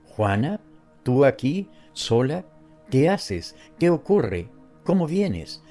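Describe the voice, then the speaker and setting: A man reading the part of a thoughtful cousin, a government official, who questions calmly. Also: medium pitch, slow pace, faint music behind. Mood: concerned. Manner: calm, reflective.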